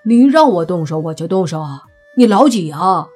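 A woman's voice: on the low side, normal speed, darkish tone, soft background music, lightly acted. A woman doing a cocky brash young man. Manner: brash, mocking, casual slang.

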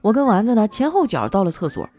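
Chatty woman telling office stories, mellow voice, bouncy pitch, faint music behind. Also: sing-song, fast talker. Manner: chatty, playful, acts out quoted coworkers. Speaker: host. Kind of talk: comic storytelling monologue.

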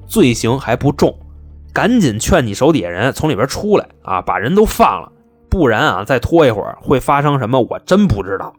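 A man's voice: mid-range voice, very animated, a little fast, slightly rough, soft background music. A man voicing a male police negotiator who talks in a soothing, wheedling way. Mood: placating.

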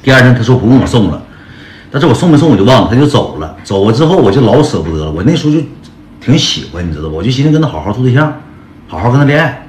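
Fast, lively man telling a story. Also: mid-range voice, a little hiss or hum. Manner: rambling, slangy, calls listeners brothers. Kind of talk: casual personal storytelling. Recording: echoey room with guitar music.

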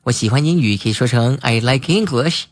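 Calm male teacher who drills English vocabulary by repeating it, in a dry booth. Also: mid-range voice, dry recording. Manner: spells words letter by letter and repeats phrases slowly. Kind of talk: slow vocabulary lesson.

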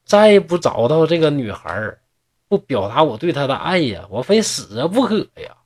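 A man's voice: a little high, very animated, moderate pace. A man with a Northeastern accent voicing a pining, desperate lovesick young man in a storybook tale. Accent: Northeastern Mandarin. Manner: desperate, pleading.

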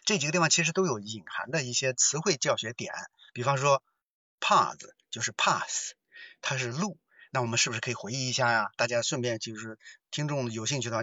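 A male English teacher with a Mandarin Chinese accent talks through a lesson with a bright, slightly husky voice. His pitch moves a lot as he explains, and he jokes easily. The recording is dry and a little dull. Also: no echo. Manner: lively and chatty, mixing Chinese and English, jokes about himself. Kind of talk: lecture-style English lesson.

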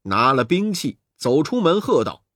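A man narrating a children's story in an expressive, dramatic storytelling manner. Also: on the high side, moderate pace, no echo, clean studio sound.

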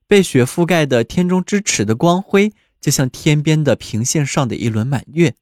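A man reading a fairy tale aloud with an expressive, descriptive delivery. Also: on the high side, normal speed, dry recording, studio quality. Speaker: storyteller.

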